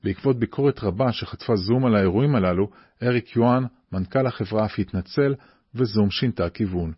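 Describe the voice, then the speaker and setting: A man's voice: lowish voice, husky, no echo, muffled recording. A man hosting a podcast, putting questions and explaining things in an informative way. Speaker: podcast host. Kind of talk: interview questions and scripted explanatory narration.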